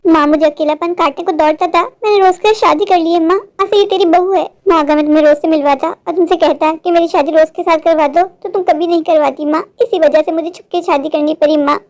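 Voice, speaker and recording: A woman's voice: very high voice, steady tone, fast talker, few pauses, a little mellow. A woman voicing a young husband caught between his mother and wife in a cartoon, speaking in a pleading, resentful way. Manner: pleading, then firm and resentful. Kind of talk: animated Hindi cartoon voice acting.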